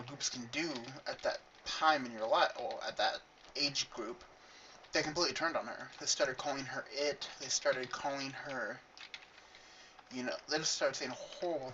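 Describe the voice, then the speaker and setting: A young man with a lisp and a bright, forceful, medium-pitched voice vlogs from a room at his gaming computer, rambling earnestly in a casual confessional monologue full of self-mocking asides. The mic sounds dull and distant, with a faint hiss.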